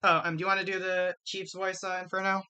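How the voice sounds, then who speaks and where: Higher-pitched man chatting on a game stream. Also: completely flat delivery, fast, pushed and bright. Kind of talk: casual chat during a game playthrough. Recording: clear background noise.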